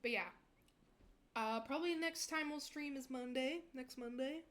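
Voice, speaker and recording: A woman's voice: high-pitched, normal speed, fairly bright tone. A young woman VTuber chatting casually with her stream viewers, rambling and giggling often.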